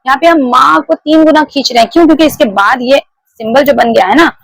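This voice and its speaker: Female teacher, fairly high gravelly voice, patient explainer, dry close mic. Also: fast talker, no room sound, low-quality recording. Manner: explains step by step, repeats key points, asks the class questions. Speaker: Hindi grammar teacher. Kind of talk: classroom lecture.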